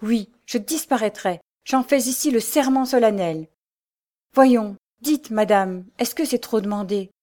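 A woman's voice: medium pitch, moderate pace, warm tone, natural voice. A woman voicing an earnest, sorrowful young girl of humble birth, reading an audiobook character with a raised, pleading delivery.

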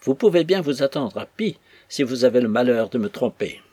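A man putting on a scornful, domineering master from a storybook, mocking and threatening, suddenly louder on his warnings. The voice is husky over a dry, close sound. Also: medium pitch, animated, fairly quick, no room sound. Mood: menacing, mocking. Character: sly menacing male master, scornful and domineering.

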